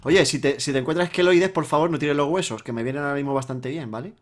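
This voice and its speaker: A young man from Spain with a Spanish accent banters through a let's-play. His voice sits a bit high, and he keeps pressing the same point with teasing repetitions. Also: quick pace. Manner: teasing, insistent, repeats himself. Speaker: gaming channel host.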